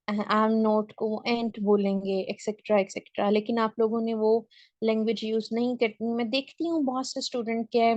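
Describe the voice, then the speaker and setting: A woman's voice: on the high side, dry recording, highs cut off. A woman with a Pakistani accent giving an online spoken English lecture, often checking in with her students as she explains. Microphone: video call.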